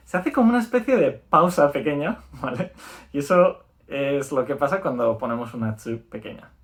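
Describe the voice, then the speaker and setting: Upbeat Spanish man teaching a lesson. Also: fairly high pitch. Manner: explanatory, repeats words slowly and checks in with "¿vale?". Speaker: language teacher. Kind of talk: video lesson.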